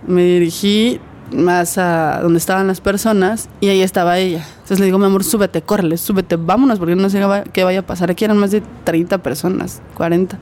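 A woman's voice: lowish voice, fairly even intonation, brisk, darkish tone, slight background noise. A woman with a Mexican Spanish accent, an interview guest giving an earnest personal testimony and vividly acting out what others said.

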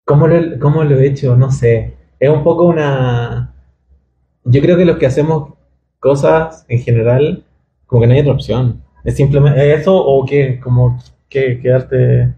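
Creaky, mellow Chilean-born man musing. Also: mid-range voice, fairly even intonation, unhurried, echoey room, dull audio, slight background noise. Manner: reflective, hesitant, searching for words. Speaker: guest illustrator. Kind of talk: casual interview. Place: booth at a festival.

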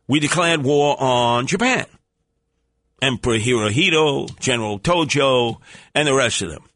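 A man hosts talk radio in a New York accent, his voice bright and punchy in a dry studio sound. He rambles through comic monologue with bombastic, theatrical delivery. His streetwise speech is full of colourful coinages. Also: medium pitch, animated, a little slow, dry recording.

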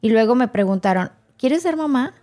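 A woman's voice: on the high side, moderate pace. A woman, a podcast guest telling her own story with emotion and acting out the people in it. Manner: animated, acts out quoted dialogue.

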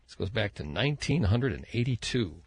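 An older American man hosting a podcast, telling stories in a casual, rambling, halting way at a close microphone. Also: on the low side, big pitch swings, husky, no room sound. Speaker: podcast host. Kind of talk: casual chat. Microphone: close studio microphone.

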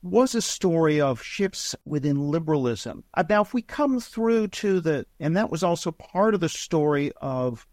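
A middle-aged man from Canada, a guest professor giving interview answers in a measured, explanatory academic way. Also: on the high side, very animated, darkish tone, no echo, clean studio sound.

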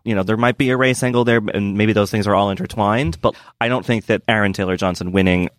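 A man co-hosting a casual podcast chat about awards, speaking in a measured way and often restarting phrases. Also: fairly low pitch, fairly even intonation, no echo, clean studio sound. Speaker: podcast co-host.

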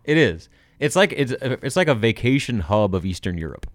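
A man's voice: mid-range voice, very animated, normal speed, no room sound. A man co-hosting a sports podcast, talking casually and laughing often. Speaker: podcast co-host.

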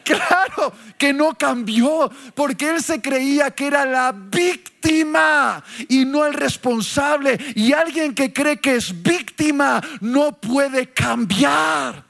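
Man, pastor preaching a sermon, high-pitched, gravelly, raises his voice to shout for emphasis. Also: takes it slowly, hardly any pauses.

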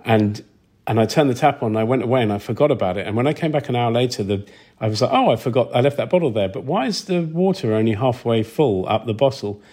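A man with a medium-pitched, warm voice talks fast and animatedly as an interview guest. He's a sound designer, casually rambling through anecdotes and acting out reactions.

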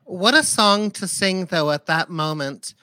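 Playful woman host with a bright voice. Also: fairly low pitch, expressive, unhurried. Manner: playful, acts out voices in her stories. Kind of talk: casual chat.

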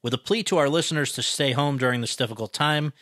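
A man's voice: mid-range voice, fast talker, sharp tone, no room sound, clean studio sound. A man hosting a podcast, reading a prepared introduction and then asking earnest, well-prepared questions. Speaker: podcast host. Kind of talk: scripted intro then interviewing.

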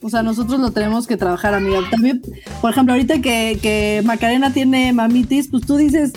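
A woman's voice: fairly high pitch, fairly quick, a little mellow, soft background music. A woman in her thirties with a Mexican accent, chatting casually on a podcast as a mother, with lots of fillers. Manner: chatty, full of "o sea" and "este" fillers. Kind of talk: casual chat.

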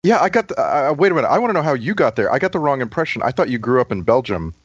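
A man's voice: medium pitch, very animated, rapid-fire, husky, no room sound. Stammering man on a dull dry mic. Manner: stammering, restarts often. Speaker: podcast co-host. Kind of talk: casual panel chat.

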